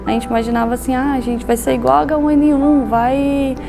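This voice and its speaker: Woman, thirties, Brazilian accent, flat even tone, fairly high pitch, music behind. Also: brisk, gravelly. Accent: Brazilian Portuguese. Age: 30s. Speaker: health worker. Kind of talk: documentary interview.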